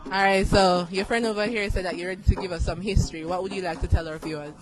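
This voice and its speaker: A man's voice: high-pitched, fairly even intonation, quick pace, rough recording. A man asking casual interview questions on the spot, as the interviewer.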